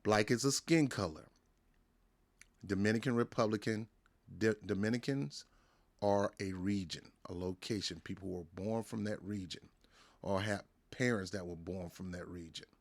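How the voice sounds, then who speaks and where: Speaking at normal speed in a lowish voice, a wrestling show host from the United States delivers a casual opinion rant to camera. He's emphatic and repetitive, often tripping over his words and beginning again.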